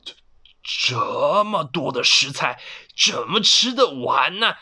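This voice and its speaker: A man voicing a kindly old grandfather cook who talks slowly and chuckles, in a bedtime story. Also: a little high, big pitch swings, pushed and bright, breathy edge, heavily acted. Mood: bemused. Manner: slow, chuckling.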